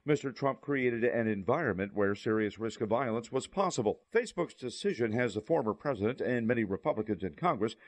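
A man's voice: mid-range voice, animated, a little fast, few pauses. A man delivering a scripted news report as a correspondent.

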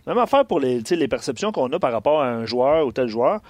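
A man's voice: mid-range voice, sing-song, a little fast, a little mellow, no echo. A man with a Québécois accent co-hosting a sports show, agreeable in casual chat and reading out viewer comments.

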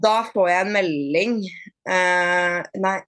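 A woman being interviewed on a podcast, chatting casually, with many fillers and restarts and lively retold dialogue. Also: on the low side, clean tone, no echo, studio quality. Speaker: podcast guest, bodyfitness athlete.

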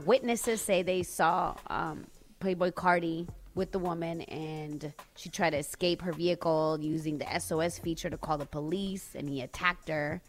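A woman with an American accent and a fairly low voice co-hosts a morning radio show. She reads out items and chats on a studio mic, with music playing underneath. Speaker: radio morning show co-host reporting entertainment news. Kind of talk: live radio banter and news segment. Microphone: studio broadcast microphone.

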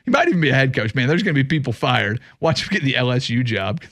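A man's voice: medium pitch, very animated, fast, a bit bright, dry recording. A man hosting casual sports talk in an emphatic, opinionated way on a close studio mic. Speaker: sports radio host. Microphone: close studio microphone.

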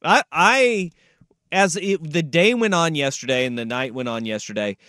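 Higher-voiced man hosting sports radio. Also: normal speed, bright, forceful tone, no echo, clean studio sound. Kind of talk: casual sports talk. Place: radio studio.

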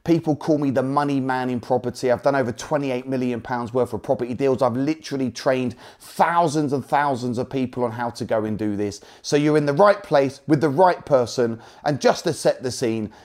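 A man's voice: mid-range voice, a little fast, few pauses, darkish tone. A man from Essex with an Essex accent, teaching like a motivational property trainer, telling personal anecdotes in an emphatic, salesy way and repeating key points. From Essex, England.

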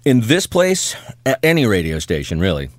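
A man's voice: lowish voice, huge pitch swings, normal speed, a little hiss or hum. A man co-hosting a radio show, bantering casually in a wry, self-mocking, joking way from a radio studio.

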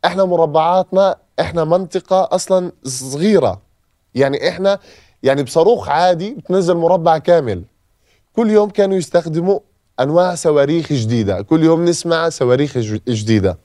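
A man's voice: on the high side, fast, mellow, no room sound, clean studio sound. A man from Gaza with a Palestinian accent gives an emotional personal testimony as a podcast guest and repeats phrases for emphasis. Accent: Palestinian Arabic.

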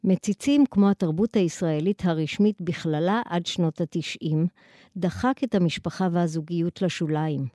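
A woman with an Israeli accent delivers a scripted academic lecture in a formal, articulate manner, in long measured sentences. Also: fairly low pitch, dark tone, no echo, clean studio sound.

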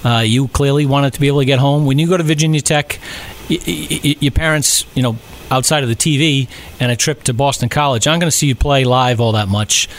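A middle-aged man from Rhode Island, co-hosting a casual sports podcast chat, talking haltingly with many fillers and restarts. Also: mid-range voice. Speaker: podcast co-host.

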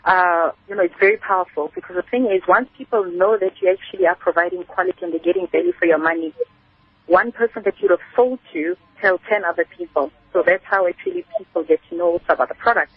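She speaks fast in a slightly rough, lowish voice, and there's no room sound. The speaker is a South African spice entrepreneur from Kimberley, a guest giving conversational radio interview answers over a narrow phone line and explaining things at length through stories.

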